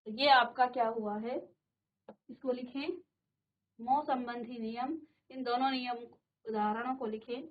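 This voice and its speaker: Woman, middle-aged, teacher, high voice, slow patient delivery, dull lo-fi studio sound. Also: steady tone. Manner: patient, repeats and checks with "ठीक है". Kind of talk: classroom grammar lesson. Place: virtual classroom studio.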